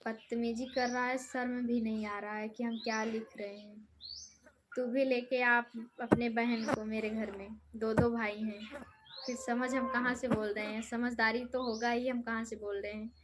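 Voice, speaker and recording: A woman's voice: a little high, flat delivery, moderate pace, background noise. Irritated young woman live streaming. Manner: angry, scolding a troll, then dismissive. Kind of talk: live stream chat reading comments.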